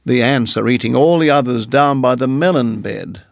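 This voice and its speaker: A man's voice: medium pitch, moderate pace, vocal fry, dry recording, studio quality, natural voice. A man voicing a brave, boastful young male mongoose in a storybook reading, taunting and fierce.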